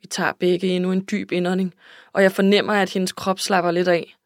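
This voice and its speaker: A woman's voice: on the low side, level tone, no room sound. Woman narrating an audiobook, dry close sound. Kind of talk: scripted first-person narration.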